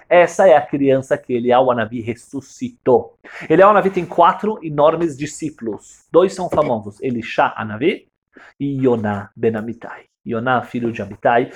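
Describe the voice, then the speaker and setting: A man teaching a religious lesson as a story, animated and checking in with his listeners. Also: mid-range voice. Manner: animated, checks in with tag questions, swings loud and soft. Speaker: Torah teacher.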